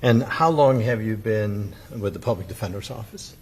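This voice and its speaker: A man examining a witness as a defense attorney in court, with halting, deliberate questions and a husky voice. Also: fairly low pitch, animated, darkish tone.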